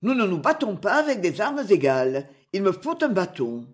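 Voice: mid-range voice, very animated, normal speed, lightly acted. A reader voicing a bold, proud young outlaw hero in an audiobook. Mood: commanding. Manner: proud, commanding.

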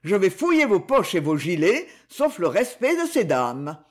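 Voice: mid-range voice, sing-song, measured pace, a little mellow. A reader playing a solemn, commanding villager. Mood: firm. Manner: firm, commanding. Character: solemn, resolute village man taking charge.

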